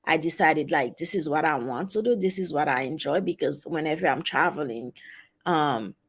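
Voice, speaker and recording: A Haitian travel advisor in her forties appears as an interview guest, speaking casually and haltingly with many fillers and a heavy Haitian accent. Her voice is low with a breathy edge.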